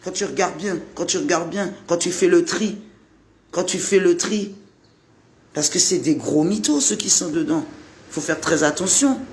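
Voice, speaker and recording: A man's voice: high-pitched, moderate pace. A man from Guadeloupe giving an impassioned monologue, repeating his points and talking straight to the listener. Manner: repetitive, rhetorical, addresses the listener directly.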